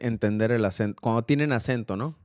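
A man's voice: medium pitch, fast talker, a little mellow, dry recording. A man hosting a casual interview, chatty and addressing listeners directly. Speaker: host.

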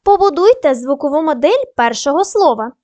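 A woman teaching young pupils in a recorded lesson, with a high voice. The sound is close and dry, without any room echo. She takes them through each syllable and letter calmly and clearly. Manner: clear, patient, slow spelling out of sounds and syllables. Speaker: primary school teacher. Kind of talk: video lesson for children.

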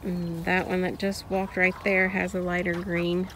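A woman narrates her farm vlog outdoors in a poultry pen, filming on a phone. She speaks slowly and unhurriedly in a lowish voice, with plenty of ums and restarts. Quacking ducks and clucking chickens come through clearly around her. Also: level tone, background noise. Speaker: farm vlogger. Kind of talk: casual narration while filming.

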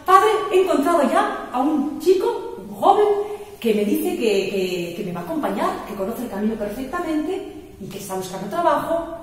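A woman's voice: medium pitch, lively intonation, normal speed, a little mellow, natural voice. Earnest young son, as a woman teacher voices him: eager, from a distant mic in a reverberant hall. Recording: echoey church hall, mic far off.

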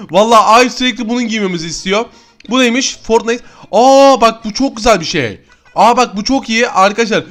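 A young man giving excited let's-play commentary to his viewers, exclaiming at every new find and talking straight to his audience. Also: sits high. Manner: excitable, keeps addressing viewers as friends. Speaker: gaming YouTuber.

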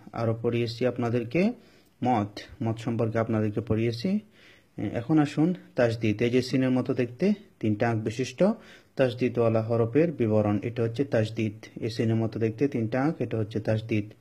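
A man with a Bangladeshi accent teaching a recorded class on reading Arabic letters. He spells out syllables slowly and repeats them as drills. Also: mid-range voice, warm tone.

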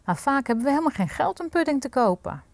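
A woman's voice: high voice, sing-song, fast talker, no room sound, pitched above the performer's own voice. A woman reading aloud and voicing an ogre's meek, friendly wife in a children's storybook. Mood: mild.

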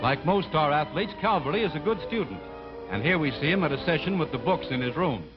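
A man's voice: on the high side, animated, brisk. A man giving formal, scripted sports narration on an old 1940s newsreel soundtrack. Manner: formal, announcer-like delivery. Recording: dull lo-fi 1940s film sound with loud music. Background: loud music score.

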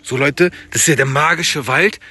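Man with a high, very bright, gravelly voice, joking through game role-play. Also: moderate pace. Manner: casual, joking, addresses viewers. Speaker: guest player.

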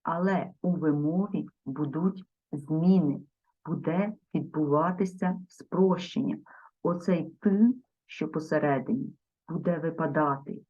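A woman teaching a grammar lesson, spelling out word forms slowly and carefully and speaking directly to her viewers. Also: sits low, mellow. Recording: dull lo-fi sound.

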